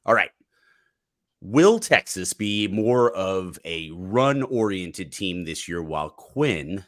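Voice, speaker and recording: A man's voice: low-pitched, fairly bright tone, no room sound, studio quality. A man hosting a live sports talk stream, joking casually and reading out viewer questions while fighting a cold. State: has a cold. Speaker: podcast host.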